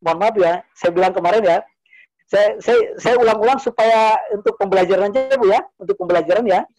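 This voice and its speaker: Man preacher, slightly high voice, informal teaching to a group, questions the room, radio sound. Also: fast talker, music in the background, rough recording. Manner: chatty, repeats "Bu" often, asks listeners questions. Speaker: religious teacher. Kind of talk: informal religious talk to a group.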